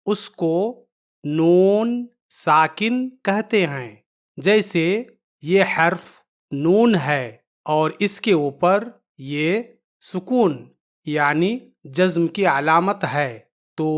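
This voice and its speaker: A woman teaching a Quran reading lesson, patiently explaining step by step, repeating each point and drawing out the letter sounds. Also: lowish voice.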